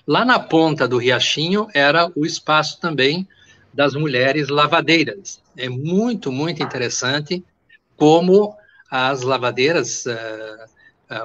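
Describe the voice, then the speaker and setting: An older man in his sixties hosting a video call, telling local history in a digressive way and pausing to search for names. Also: on the high side, fairly bright tone. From Porto Alegre, Brazil. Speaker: host and history teacher. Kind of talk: conversational history talk. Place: indoors, home room. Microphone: video call webcam. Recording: muffled video call audio.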